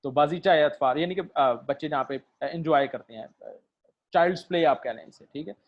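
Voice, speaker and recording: A man giving a literature lecture, mixing in English terms, hesitating with fillers and keeping on asking his students "right?". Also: fairly high pitch. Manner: keeps checking "theek hai?" and fills pauses with "uh", mixing in English terms. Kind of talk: recorded lecture. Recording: dull lo-fi recording.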